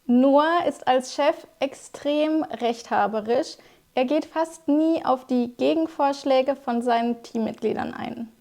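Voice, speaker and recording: A young German teacher whose first language is German delivers a scripted language lesson in a high-pitched voice with a darkish tone. Speaking slowly, she addresses her viewers directly like a teacher and explains every word clearly.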